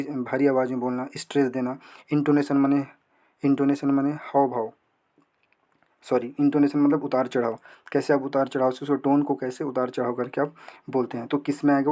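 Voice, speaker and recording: A young man leads an exam prep lesson. He poses questions and answers them himself. He slows right down when reading English passages aloud. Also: medium pitch, darkish tone. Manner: asks and answers own questions, reads English slowly. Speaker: teacher.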